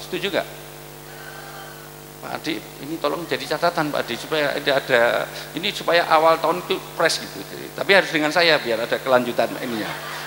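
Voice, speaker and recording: A man's voice: mid-range voice, noisy background. A man giving a humorous sermon to hospital staff, joking and acting out scenes. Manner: joking, animated, acts out angry shouting. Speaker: preacher. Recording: echoey hall with long reverb.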